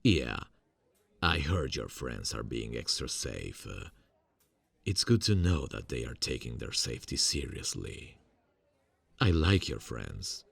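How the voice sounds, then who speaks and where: This ASMR roleplay has a young man portraying a seemingly friendly male college student who's secretly a serial killer. He talks softly and hesitantly, with lots of fillers and quiet insinuations, in a very deep, gravelly, husky voice that's sing-song and slow. The performance is heavily acted and falsely friendly, with no echo.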